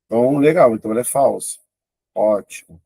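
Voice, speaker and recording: A man teaching an exam-prep grammar lesson. His voice is husky with a gravelly edge, and his speech is casual and exclaiming as he works through each item. The recording is close and dry. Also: mid-range voice, fairly quick, dark tone, no echo. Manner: informal, thinks aloud, exclaims at tricky items. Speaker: Portuguese teacher.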